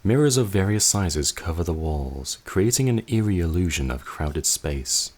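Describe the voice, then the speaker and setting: A man hosting a let's play, reading the game's narration aloud in a measured way with dry asides. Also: sits low, animated, a little mellow.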